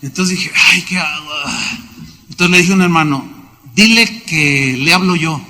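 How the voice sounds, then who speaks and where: A Mexican preacher with a high, very bright and cutting voice, delivering a sermon in a church. He tells anecdotes with shouted exclamations and acts out claps. His voice rings with a long echo through a large hall. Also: moderate pace. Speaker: pastor. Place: church auditorium.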